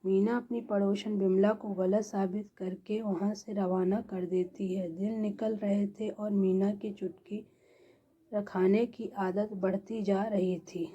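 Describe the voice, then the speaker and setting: Slow, flat woman storyteller. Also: mid-range voice, husky, lo-fi sound. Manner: even, measured storytelling. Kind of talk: narrating a moral story.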